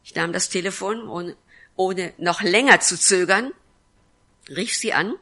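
A woman pastor telling a personal testimony from the pulpit, her voice low-pitched yet bright and forceful. She tells her story earnestly and acts out the quoted lines of the people in it, in a church. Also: a little slow. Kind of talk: sermon testimony.

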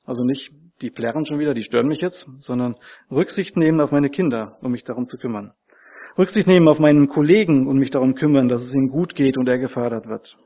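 A man's voice: medium pitch, husky, dull audio. A man preaching a sermon to his congregation, earnest and repeating key phrases for emphasis.

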